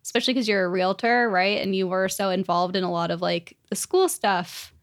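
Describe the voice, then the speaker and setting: A woman's voice: medium pitch, fairly quick. A young adult woman co-hosting a podcast, talking in a casual, reflective way with many fillers. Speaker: podcast co-host. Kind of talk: casual conversation.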